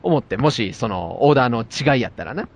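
A man with a Kansai accent telling an animated anecdote in casual chat. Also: mid-range voice, a little fast. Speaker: storyteller.

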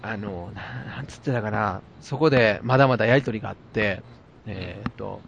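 A man with a Kansai accent telling an animated anecdote in casual chat. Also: lowish voice, a little fast, vocal fry, muffled recording, a little hiss or hum. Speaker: storyteller.

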